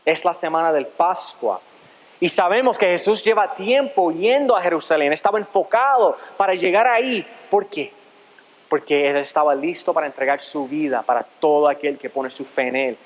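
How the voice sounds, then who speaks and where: A man's voice: fairly high pitch, normal speed. A man pastor preaching a sermon, asking rhetorical questions and reading scripture aloud. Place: church sanctuary. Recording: long church reverb.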